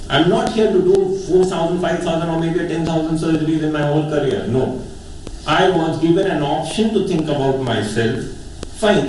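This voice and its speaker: A man's voice: fairly high pitch, darkish tone. North indian guy giving an earnest testimonial talk, repeats himself for emphasis, really echoey and far from the mic. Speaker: eye surgeon giving a testimonial speech. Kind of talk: informal public speech, personal testimonial. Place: echoey hall. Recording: very echoey hall, distant mic, faint noise.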